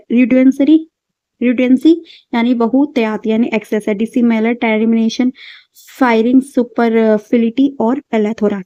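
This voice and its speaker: A woman teaching vocabulary for exam prep, reading synonym lists aloud with halting restarts. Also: on the high side, mellow, no echo. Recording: dull lo-fi sound.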